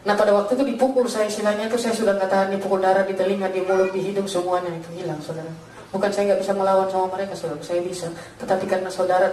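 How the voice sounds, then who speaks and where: A man's voice: extremely high pitch, a little mellow, slight background noise. A man giving an emotional spoken testimony in a church, often calling his listeners brothers. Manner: keeps addressing listeners as brothers. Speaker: testimony speaker. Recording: echoey hall, distant mic.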